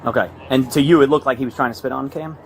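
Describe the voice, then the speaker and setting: A man's voice: medium pitch, fast, a little hiss or hum, rough recording. A man speaking as an on-duty police officer, giving blunt, clipped commands and questions, recorded on a body camera.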